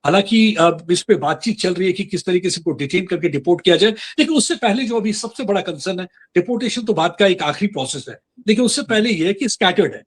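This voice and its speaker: Husky high-voiced man arguing a point. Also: expressive, fast, hardly any pauses. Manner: earnest, mixes Hindi and English, frequent fillers. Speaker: guest. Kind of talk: political interview discussion.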